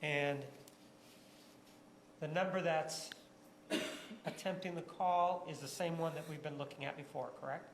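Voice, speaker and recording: This courtroom cross-examination features a lawyer whose medium-pitched voice is fairly even and a little slow, broken by long pauses. The large courtroom echoes with faint noise as pointed, leading questions are put to a witness, often ending in a short tag demanding assent.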